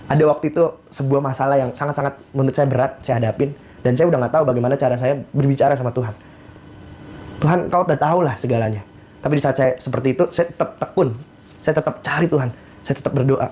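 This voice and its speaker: A young man preaching a casual sermon as a pastor, conversational and slangy, acting out little stories. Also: fairly high pitch. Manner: conversational, slangy, animated storytelling.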